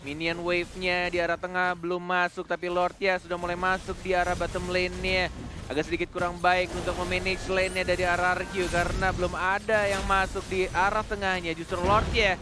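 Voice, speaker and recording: An Indonesian man shoutcasting esports play-by-play like a fighting game announcer, in an excited, dramatic manner with repetitive build-ups. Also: high voice, a little fast, background noise.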